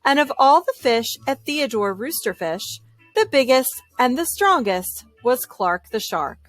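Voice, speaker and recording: A woman reading a children's story aloud in an expressive, deliberate storytelling style. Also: high voice, no echo, soft background music. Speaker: storybook reader.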